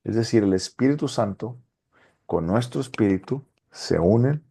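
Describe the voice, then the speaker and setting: A gravelly, husky male pastor leads a Bible study, reading verses aloud and checking with his listeners as he goes. His low, dark-toned voice rises and falls as he preaches with animation. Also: normal speed. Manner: animated preacher, asks rhetorical questions and reads verses aloud.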